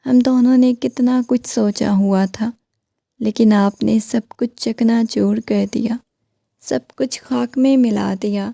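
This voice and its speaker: A woman voicing a heartbroken, tearful young wife who pleads softly, in a creaky voice. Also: a little high, fairly even intonation, no room sound, studio quality.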